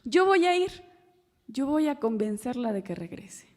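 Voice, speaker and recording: A woman's voice: high-pitched, very animated, unhurried, darkish tone, pitched above the performer's own voice. A woman voicing a brave, swift young male deer who speaks in a raised, earnest voice. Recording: long hall reverb.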